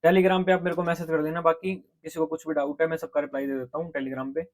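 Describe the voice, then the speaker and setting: A fast, rapid-fire man, speaking as a coaching teacher. His voice sits a little high for a man. He gives blunt exam advice and keeps checking that his students are following. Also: little pitch movement, heavy background noise. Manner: direct, repeats "ठीक है?" to check in. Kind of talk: casual advice lecture to students.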